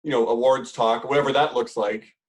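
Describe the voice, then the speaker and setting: A man hosting an interview, asking questions and encouraging his guest with quick affirmations. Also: mid-range voice, steady tone. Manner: brisk, encouraging, many short affirmations. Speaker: music show host, interviewer. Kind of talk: casual interview chat.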